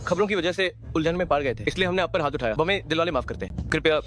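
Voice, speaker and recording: A man's voice: on the high side, animated, fast talker, fairly bright tone. A male dub actor playing a bullying brother-in-law who speaks in a mocking, aggressive way. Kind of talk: Hindi dub acting. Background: music.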